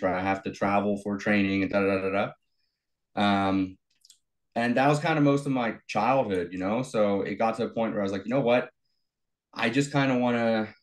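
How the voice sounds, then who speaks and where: Relaxed and easygoing, a young bodybuilder and coach from South Africa speaks as an interview guest in a lowish voice. His storytelling flows naturally but is dotted with many fillers.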